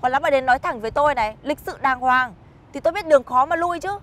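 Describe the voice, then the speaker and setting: A woman's voice: high voice, fast, bright, forceful tone. A blunt, defiant young woman. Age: young adult. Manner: blunt, cold, firm retorts.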